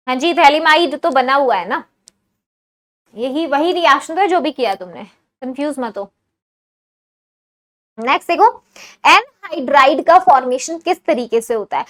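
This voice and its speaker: An Indian chemistry teacher with a high-pitched, fairly bright voice runs an online lecture for exam students, switching between Hindi and English within the same sentence. She repeatedly stops to quiz her viewers and asks whether each step is clear.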